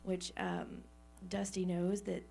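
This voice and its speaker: A woman's voice: on the low side, very animated, slow pace, gravelly, warm tone, slight background noise. A woman actress being interviewed on a radio show, giggly and hesitant, with many fillers. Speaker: actress guest. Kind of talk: interview answers.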